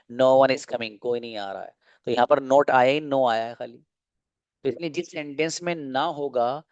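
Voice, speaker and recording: A man teaching an online English class, explaining slowly and asking and answering his own questions. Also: medium pitch, a little mellow, no room sound, lo-fi sound.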